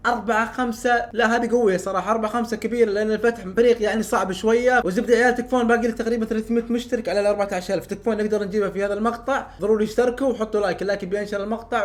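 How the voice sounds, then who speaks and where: High-pitched, fast-talking man reacting. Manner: excitable, swings between muttering and loud shouts. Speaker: YouTube streamer reacting to a football match. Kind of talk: live football reaction commentary.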